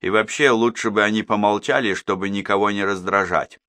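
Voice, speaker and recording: A man's voice: on the low side, steady tone, brisk, sharp tone, no echo. A man voicing a venomous, spiteful grown daughter who snaps at her relatives. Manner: venomous, snapping.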